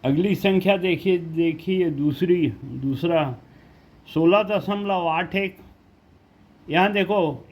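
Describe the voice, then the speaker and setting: A man with a high voice works through a math lesson at an unhurried pace. He explains each step patiently and keeps asking the class questions as he goes. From India. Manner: slow, step-by-step explaining with frequent rhetorical questions. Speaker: math teacher.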